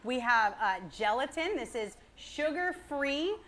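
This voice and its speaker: A zoo animal keeper and presenter takes her time in an educational talk for a live audience, her high-pitched voice animated and fairly bright. She comes across as cheery and enthusiastic, speaking through a worn or held presenter microphone over clear ambient noise.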